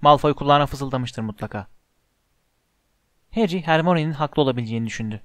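A man's voice: medium pitch, a little fast, a bit bright, no room sound. Man reading a story, dry close sound. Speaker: audiobook narrator. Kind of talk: scripted storybook narration.

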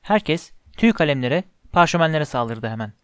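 A man narrates a storybook in a calm, measured audiobook reading. His voice sits on the higher side for a man. The recording is dry and close, with no room sound around it. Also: smooth, no echo.

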